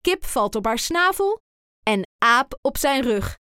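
Slow, lively woman reading a picture book. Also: high-pitched, clear, resonant tone, no echo, studio quality. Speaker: storyteller.

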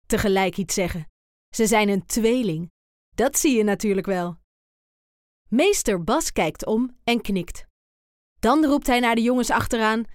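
A woman reading a children's storybook aloud in a calm, clear storytelling voice. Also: mid-range voice, no room sound, clean studio sound. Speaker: storybook reader.

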